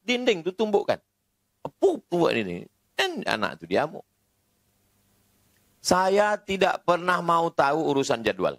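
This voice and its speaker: Animated man preaching a sermon. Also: a little high, no echo. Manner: animated storytelling, acting out quoted voices, rising to near-shouts.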